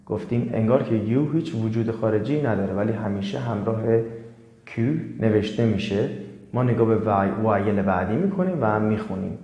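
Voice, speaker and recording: Persian-speaking man teaching French letters slowly. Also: lowish voice, darkish tone, roomy sound, highs cut off. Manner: spells letters slowly and repeats example words. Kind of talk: step-by-step alphabet lesson.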